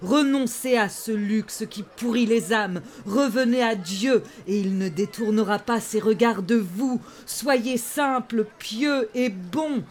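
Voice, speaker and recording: A woman doing a solemn old prophet. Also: fairly high pitch. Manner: solemn, slow, exhorting. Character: mysterious old male prophet, stern preacher.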